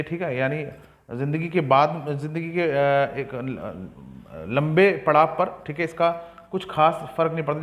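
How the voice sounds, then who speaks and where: A young man with a fairly high voice teaches an exam-prep lesson. He reads each English point slowly and deliberately. Then he explains it in Hindi, with many fillers.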